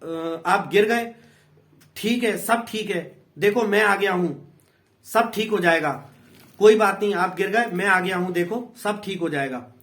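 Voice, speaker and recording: A man's voice: high-pitched, a little slow, a bit bright. A man with an Indian accent voicing an anxious, earnest teenage boy who pleads and repeats himself. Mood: consoling.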